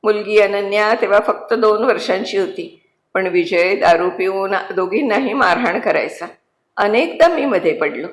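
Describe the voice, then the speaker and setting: एक शांत, नम्र कैदी पुरुष, जो आदराने आणि दबक्या आवाजात आपली कहाणी सांगतो, एका स्त्रीने वाचलेला. हे कथावाचन आहे आणि आवाजाला खोलीचा घुमारा आहे. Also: female voice, mid-range voice, moderate pace, lightly acted. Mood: subdued, solemn. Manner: respectful, subdued, addresses the jailer as sir. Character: humble male convict, quiet, remorseless protector. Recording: roomy echo.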